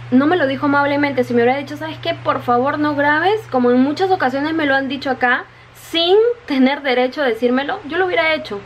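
A woman's voice: high-pitched, slight background noise. A woman in casual vlog talk, chatty and repeating her words, often calling her viewers "chicas", still wet from the rain. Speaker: vlogger. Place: her home in Japan.

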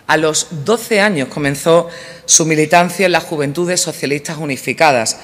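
A man reading scripted documentary narration in a measured, formal way. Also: on the high side, a bit bright. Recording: long hall reverb.

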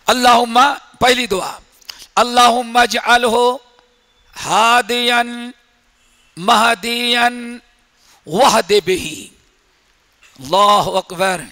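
A man preaching a sermon in a mosque, telling stories dramatically and swinging between whispers and shouts. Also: extremely high pitch, long pauses. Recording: echoey hall reverb.

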